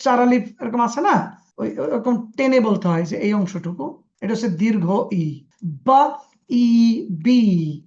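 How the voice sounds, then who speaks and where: Play a high-voiced Bangladeshi teacher on an echoey call. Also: female voice. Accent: Bangladeshi Bengali. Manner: drills sounds slowly, coaxing and self-assured. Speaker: phonics teacher. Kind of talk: online pronunciation class. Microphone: video call. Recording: echoey, dull lo-fi webinar audio.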